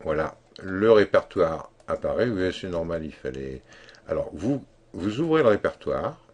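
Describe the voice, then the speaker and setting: Slow deep-voiced man explaining software. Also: sing-song. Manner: slow, halting explanation with many fillers and restarts. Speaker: tutorial instructor. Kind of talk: screen-recorded software tutorial.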